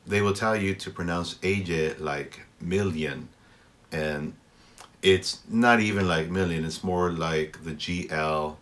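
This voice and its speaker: Deep-voiced man teaching pronunciation, slow and deliberate. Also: a bit bright. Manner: slow, deliberate enunciation of example words; measured, instructive delivery. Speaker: language teacher. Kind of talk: pronunciation lesson, explaining and modelling words.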